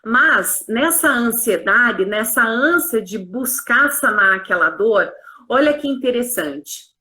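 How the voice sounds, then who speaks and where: A woman's voice: on the high side, animated, slow, sharp tone. A woman, a pharmacist and consultant, explaining her work earnestly in a live-stream conversation. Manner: earnest, explanatory, uses tag questions. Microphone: online live stream.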